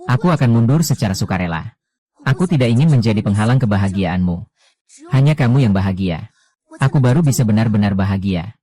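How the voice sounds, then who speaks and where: A man reading the dialogue of a dubbed drama, voicing every role in one even, low-key delivery. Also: fairly quick, dry recording. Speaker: voice-over reader of a drama.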